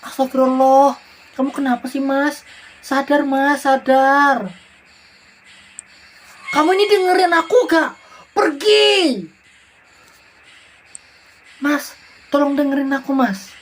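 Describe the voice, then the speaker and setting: A woman's voice: sits high, takes it slowly, pauses often, pitched above the performer's own voice. A hurt young wife pleads and protests in a raised, upset voice, as a woman reads her game lines aloud. Each plea sounds strained and wounded. Faint noise sits behind the voice. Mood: pleading upset. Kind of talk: reading game dialogue aloud.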